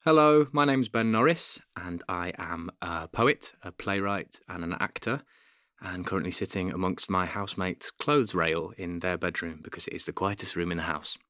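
Crisp, bright male poet, soft East Midlands accent. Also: low-pitched, normal speed, no echo, clean studio sound. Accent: softened East Midlands English. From Nottingham, England. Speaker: poet and actor. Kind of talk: spoken-word poetry reading. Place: housemates' bedroom, quiet indoors.

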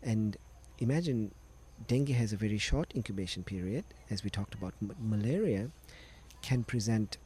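A middle-aged man speaks in a low, mellow, rounded voice. He explains medical details as an interview guest, measured and patient. A faint noise sits behind him. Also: animated. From Sri Lanka. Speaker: guest doctor.

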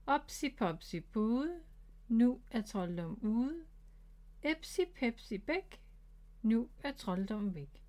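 A woman voicing a patient, gentle mother rabbit teaching her son, in a storybook read-aloud. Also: medium pitch, expressive, lightly acted.

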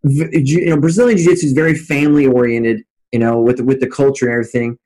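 A man's voice: mid-range voice, fairly even intonation, fast talker, mellow, low-quality recording. A man hosting an interview, asking loose, meandering questions with lots of fillers. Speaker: interviewer, host.

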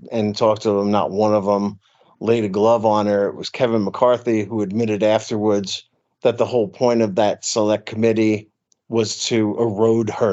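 Low-voiced man, muffled podcast audio. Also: darkish tone. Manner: earnest, halting, many restarts. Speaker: podcast co-host. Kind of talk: casual political chat.

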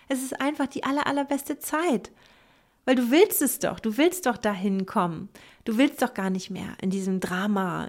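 A woman hosting a motivational podcast, speaking directly and encouragingly to the listener, sometimes dropping to a soft whisper. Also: mid-range voice. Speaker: podcast host and coach. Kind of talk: casual motivational podcast talk.

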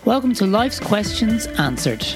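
A man's voice: high voice, very animated, unhurried, music in the background. An Irish man giving a casual, unpolished podcast introduction as host, crammed into a wardrobe used as a makeshift sound booth.

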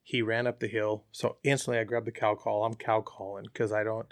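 A man's voice: on the low side, brisk, no echo. Chatty man, dry close sound. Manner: relaxed, chatty, with frequent fillers. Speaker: hunter, interview guest. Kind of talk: casual storytelling.

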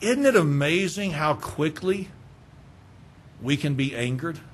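A male pastor with a fairly high voice and lively intonation preaches at a measured pace, asking rhetorical questions, repeating words to build his points, and alternating hushed and raised lines. Slight background noise is present.

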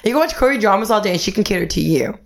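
A woman's voice: medium pitch, lively intonation, very fast, creaky. Chatty giggly young woman. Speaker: podcast host. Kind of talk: casual chat.

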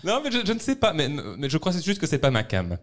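A man hosts a loose, joking conversation. His voice jumps around in pitch as he teases his guests. He breaks into laughter often. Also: huge pitch swings, a little fast. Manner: laughs often, playful teasing. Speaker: podcast host. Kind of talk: casual chat.

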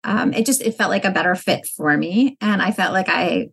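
Earnest woman guest with gravelly voice. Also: on the low side, expressive, moderate pace, a bit bright. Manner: earnest, reflective. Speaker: guest, business founder. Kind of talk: interview answers.

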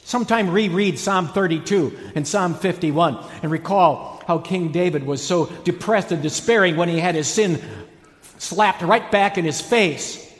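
High-voiced male preacher in an echoing hall. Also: measured pace. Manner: dramatic emphatic delivery with stretched key words. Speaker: pastor preaching. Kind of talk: sermon. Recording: echoey hall with long reverb.

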